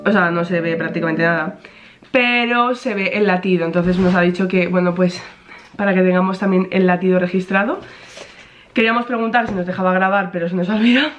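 A woman's voice: fairly low pitch, steady tone, brisk, muffled recording, soft background music. A young pregnant woman chatting casually to camera, rambling with many fillers. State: pregnant, in some pain. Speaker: vlogger.

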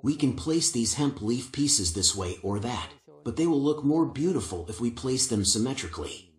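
An older man giving calm, patient, step-by-step woodworking instructions in a workshop, on a lapel mic. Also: mid-range voice, normal speed, roomy sound. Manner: calm, patient, methodical explanation.

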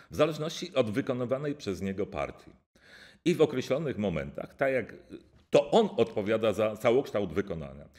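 Lively, low-voiced male professor lecturing. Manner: measured, formal delivery with occasional hesitations. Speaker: music professor giving a lecture. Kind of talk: read-aloud academic lecture.

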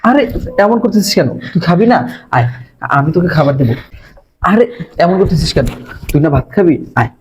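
A man playing a fast-talking, coaxing schemer. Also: high-pitched, sing-song, slight background noise, rough recording. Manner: coaxing, insistent and hushed. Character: scheming young man luring a madwoman.

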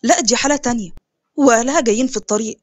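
A woman's voice: fairly high pitch, very fast, natural voice. A woman with an Egyptian accent voicing a cheerful, reassuring male doctor. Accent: Egyptian Arabic. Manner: reassuring, amused.

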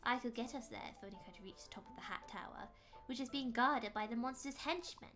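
A woman's voice: on the high side, quick pace, fairly bright tone, faint music behind, natural voice. Woman doing a prim British hat spirit. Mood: earnest. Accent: put-on posh British. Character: polite timid male hat spirit. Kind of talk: voicing game dialogue.

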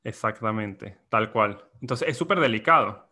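A man's voice: fairly low pitch, animated, moderate pace, pushed and bright. A young Venezuelan man hosting a casual podcast chat, reflective and explaining at length with plenty of fillers. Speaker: podcast host.

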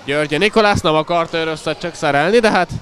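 A man giving excited live sports commentary in an animated way, exclaiming and calling out players' names. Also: fairly high pitch. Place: indoor school sports hall during a match. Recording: noisy echoing crowd, live match sound. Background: loud crowd and bouncing ball.

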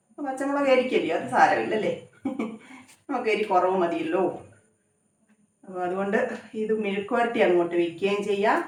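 Recorded by a phone set back from her in a kitchen full of echo, a woman rambles conversationally through a home cooking vlog, her voice sounding far off. Her pitch is middling for a woman, and she tends to end sentences with tag questions.

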